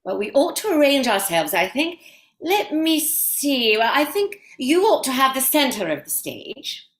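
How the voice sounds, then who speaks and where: A woman's voice: high-pitched, sing-song, measured pace, fairly bright tone, exaggerated voice. A woman playing a gushing, imperious society lady in a stage play reading, with an affected theatrical manner. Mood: gracious. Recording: echoey room.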